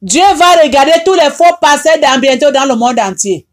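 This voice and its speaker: A woman's voice: sits high, animated, normal speed. A woman with a Haitian French accent, tearful and upset, preaching an impassioned, repetitive rebuke. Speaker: online advice host. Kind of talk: emotional preaching monologue.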